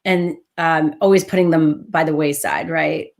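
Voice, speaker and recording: Low-pitched woman in reflective conversation. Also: steady tone, moderate pace, a little mellow. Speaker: talk host.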